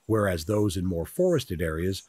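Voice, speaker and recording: A man reading scripted nature documentary narration in a measured, descriptive manner, as the narrator of a wildlife film. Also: low voice, very animated, a little mellow, breathy edge, dry recording. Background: music.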